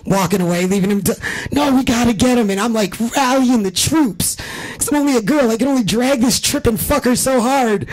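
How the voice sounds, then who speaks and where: A man with a noticeably high voice tells a rambling, profanity-laced story as a stand-up comic. His delivery is animated. It is performed live at a house comedy show. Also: fairly quick, hardly any pauses, low-quality recording.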